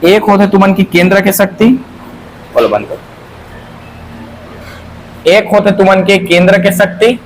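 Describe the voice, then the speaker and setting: A man's voice: high voice, level tone, moderate pace, a little hiss or hum, low-quality recording. A man teaching an exam-prep class with a Chhattisgarhi accent, drilling answers by repeating them in a sing-song and asking and answering his own questions.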